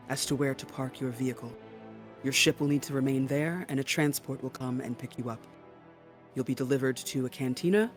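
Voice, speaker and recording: A man playing a guarded, commanding hooded contact in a tabletop game, speaking in formal, measured orders. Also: medium pitch, natural voice. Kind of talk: tabletop role-play.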